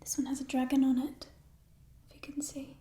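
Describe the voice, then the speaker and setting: A woman in a whispered role-play as a playful, chatty thief, musing hesitantly in a burglar's hushed whisper over stolen treasure. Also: high-pitched, completely flat delivery, a little fast, a little hiss or hum, natural voice. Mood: curious, sly. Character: playful, chatty female thief showing off stolen coins in a fantasy world.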